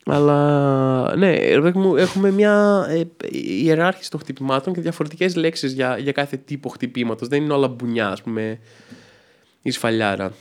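A man's voice: medium pitch, a little mellow, clear, resonant tone. A man, a stand-up comedian from Trikala with a Thessaly accent, chatting casually and rambling with many fillers as a podcast guest. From Greece, Trikala. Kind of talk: casual chat.

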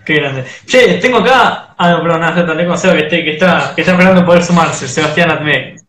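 A man's voice: fairly high pitch, quick pace, fairly bright tone, roomy sound. A man with a Uruguayan accent hosting a casual live-stream interview, chatty and rambling with fillers. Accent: Uruguayan Spanish. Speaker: host of a fan live stream.

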